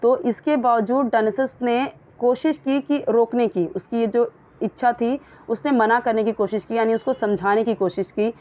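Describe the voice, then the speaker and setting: A woman teaching English in Hindi, patiently translating a story phrase by phrase and reading the English words slowly. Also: fairly high pitch, dull audio. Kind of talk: explaining a story line by line in Hindi.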